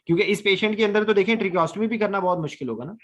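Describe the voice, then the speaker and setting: A high-voiced man talks rapid-fire while teaching anesthesia online, putting questions to his students and weaving English medical vocabulary into his Urdu. The recording is muffled.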